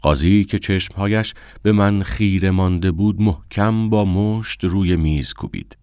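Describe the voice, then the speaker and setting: A man narrating an audiobook in the first person, with a measured, somber reading. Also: low-pitched, darkish tone, smooth, dry recording, studio quality.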